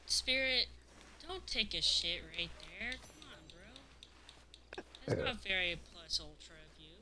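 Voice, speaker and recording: A woman's voice: on the low side, animated, moderate pace, bright, forceful tone. A young woman streaming a game, chatting casually, swearing and talking to her horse. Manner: laid-back, swears, talks to her horse. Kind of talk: casual gaming chat. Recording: noisy stream audio.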